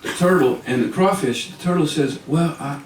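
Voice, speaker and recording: A man's voice: fairly high pitch, brisk, slight background noise. A man telling a story live, rambling with chuckling asides, in a music store. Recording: roomy store from a distance.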